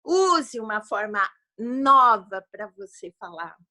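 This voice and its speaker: A Brazilian Portuguese-accented woman giving advice as a guest expert over a video call, lively and speaking straight to her audience. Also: on the high side, slow. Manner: lively, addresses the audience directly and often. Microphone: video call microphone.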